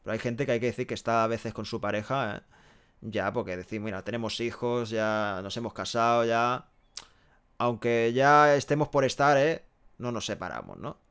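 Young man, from Barcelona, casual live-stream chat, headset mic, small room, smooth resonant voice, frank and talkative. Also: medium pitch, expressive, normal speed, fairly bright tone. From Barcelona, Spain. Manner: chatty, frank, tags sentences with "¿eh?" and "¿no?". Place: small room with a pale green wall, indoors. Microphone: headset microphone.

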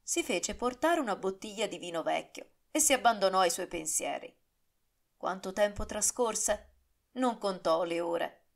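A woman reads a historical novel aloud as an audiobook. She narrates with dramatic, expressive pacing that rises and falls with the action. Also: medium pitch, a little slow, vocal fry.

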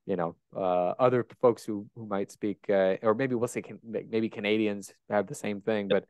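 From a bright room in his home, a US podcast host in his thirties with a Great Plains accent asks chatty, curious questions in a casual interview, often restarting. His lowish voice holds a steady tone at a moderate pace. The close handheld dynamic mic gives a sound with no echo and highs cut off.

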